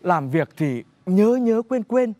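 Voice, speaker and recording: An actor playing a tactless, nosy village neighbor who laments dramatically and explains things like a know-it-all. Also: male voice, sits high, sing-song, slow, mellow, no echo, exaggerated voice. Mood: chatty.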